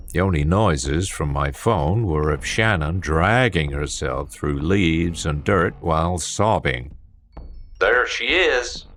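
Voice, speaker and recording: A man narrating a horror story with a tense, dramatic reading. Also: deep voice. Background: faint music.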